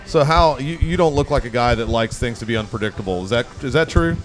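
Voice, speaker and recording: A man's voice: mid-range voice, lively intonation, fast, soft background music. A man co-hosting a casual chat show, teasing and hesitant, with many fillers, recorded at a restaurant table. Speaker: co-host. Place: restaurant with the show's crowd at a table.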